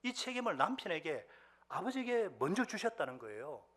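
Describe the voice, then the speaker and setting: Male pastor mid-sermon, voice sitting a touch high, questioning the flock, jumping from loud outbursts to near-whispers. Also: very animated, brisk. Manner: preaching with sudden loud outbursts and hushed whispered asides; asks the congregation rhetorical questions.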